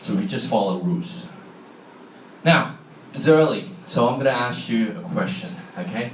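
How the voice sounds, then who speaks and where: With lively intonation, a medium pitch and a moderate pace, a middle-aged man with a Hong Kong accent gives an informal public talk and asks his audience questions. He's in a large hall, recorded from far off with echo and faint ambience. There's a little hiss or hum.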